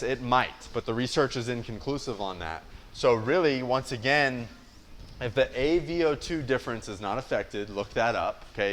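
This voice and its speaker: A man's voice: medium pitch, a little hiss or hum. A young American man giving a casual, blunt explainer as a fitness coach, often checking in with listeners. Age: young adult. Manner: blunt, conversational, with rhetorical check-ins. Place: indoor gym space.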